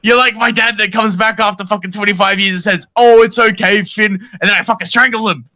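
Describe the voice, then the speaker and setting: A man's voice: sits high, fairly even intonation, fast talker, bright, forceful tone. A man roleplaying a drunk caller over voice chat, swearing and melodramatically ranting at his friend. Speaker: roleplay player on a phone call. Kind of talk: improvised game roleplay.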